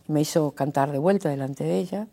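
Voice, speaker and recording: Low, husky Correntino woman. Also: a little fast. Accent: Correntino Argentine Spanish. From Corrientes, Argentina. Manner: animated anecdotes, acts out quoted dialogue. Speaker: singer, interview guest. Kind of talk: conversational interview storytelling.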